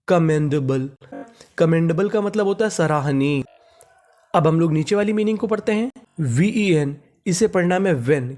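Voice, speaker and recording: Guy teaching english words, spells them out, keeps asking what do we read, kinda high voice. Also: a little mellow. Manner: repeats each word and asks "what do we read?".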